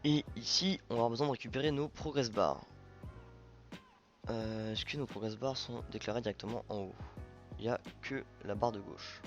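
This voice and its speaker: A man's voice: mid-range voice, moderate pace, muffled recording, faint music behind. A man hosting a programming tutorial, thinking aloud informally with many fillers and self-corrections. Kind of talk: casual coding screencast narration.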